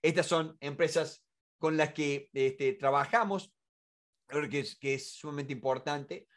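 This man in his forties, from Córdoba, Argentina, speaks with an Argentine Spanish accent in a voice on the high side and at an unhurried pace. A negotiation expert and instructor, he sits at a desk in an indoor room and delivers an informal, emphatic lecture to camera, full of rhetorical questions.

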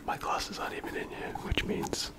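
Someone whispering casually in an ASMR finger-tapping video, rambling in informal, self-deprecating slang with a breathy, unvoiced voice. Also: moderate pace. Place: indoors at home.

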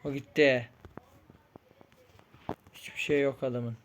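A man's voice: medium pitch, steady tone, slow, a little hiss or hum. Frustrated young man narrating his game. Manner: frustrated, pleading, swings from muttering to yelling. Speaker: gaming streamer. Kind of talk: Minecraft-style game commentary.

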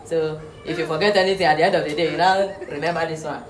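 A woman's voice: sits low, fairly even intonation, fast. A woman giving a joking spelling lesson, playful and repetitive, laughing often. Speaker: comic host. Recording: roomy echo.

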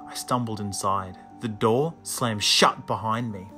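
A man reading a children's horror story aloud in a measured, suspenseful first-person narration, with music underneath. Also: on the low side, sharp tone. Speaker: audiobook reader.

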